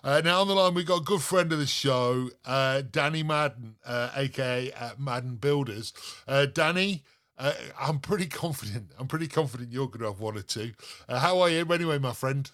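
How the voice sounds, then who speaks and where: A man's voice: medium pitch, a little fast, a bit bright. A man hosting a radio phone-in, chatting casually with callers and laughing easily. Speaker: radio show host.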